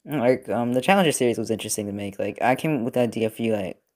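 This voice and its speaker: A young man talks casually in a mid-pitched voice while he works. He rambles, with many fillers and restarts. His pitch sits neither high nor low. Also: fast talker, darkish tone. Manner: rambling, filler-heavy, self-correcting. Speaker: robot-building video creator. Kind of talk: casual commentary while working. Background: TV football game.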